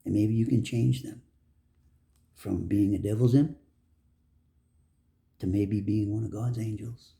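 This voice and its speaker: A man giving an earnest motivational monologue, preachy and heartfelt, swinging between emphatic bursts and soft lines. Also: lowish voice, steady tone, measured pace, gravelly, long pauses. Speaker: motivational speaker.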